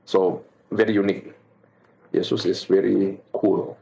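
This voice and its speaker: A middle-aged man giving a faith testimony in casual conversation, earnest and animated, laughing as he tells stories and switching often between two languages. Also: deep voice, slow pace, gravelly.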